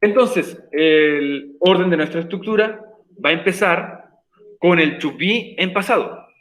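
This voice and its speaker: Emphatic male English teacher, higher voice. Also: measured pace, fairly bright tone, low-quality recording. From Chile. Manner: patient, repeats points for emphasis. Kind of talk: recorded online class explanation.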